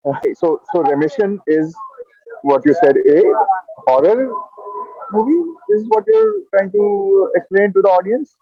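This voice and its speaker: Man, host, playful and teasing, casual interview chat, somewhat high voice, dry lo-fi sound. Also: very animated, measured pace, no room sound. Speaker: host, actor.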